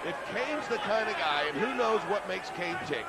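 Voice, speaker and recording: Gravelly, animated male wrestling color commentator. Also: high voice, moderate pace. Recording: loud arena crowd noise, TV broadcast. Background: roaring crowd and ring thuds.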